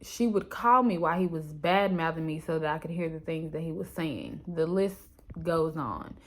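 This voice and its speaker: An American woman vlogging casually, talking in a candid, expressive, slangy way and reading from her own journal. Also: low voice, moderate pace.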